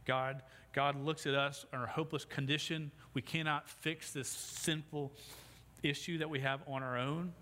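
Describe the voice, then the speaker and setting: With a slightly high, sharp voice, steady tone, and normal speed, a middle-aged male pastor delivers a sermon, his stutter causing repeated sounds and restarts. He speaks into the sound system microphone of a church sanctuary, where long hall reverb and faint background noise color the recording.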